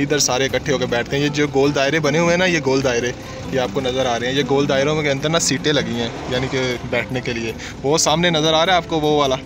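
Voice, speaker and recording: A young man, chatting casually as a vlogger while riding in a vehicle cab and recording on a handheld phone camera. He talks in a loose, repetitive way and keeps calling his viewers brother. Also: medium pitch. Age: young adult. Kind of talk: casual travel vlog narration. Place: inside a vehicle cab on a drive. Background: background music.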